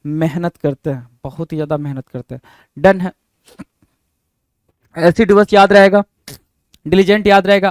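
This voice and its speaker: A man teaching an exam-prep vocabulary lesson, drilling words fast and asking rhetorical questions. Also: high-pitched, smooth, no echo.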